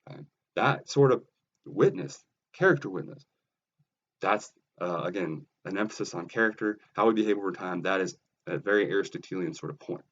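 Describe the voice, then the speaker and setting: A deep-voiced man delivers a recorded philosophy lecture with earnest emphasis. He keeps checking in with his listeners as he explains, and the sound is somewhat dull and lo-fi. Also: expressive, brisk, gravelly, fairly bright tone. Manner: earnest, emphatic, with frequent "right?" and "okay?" checks.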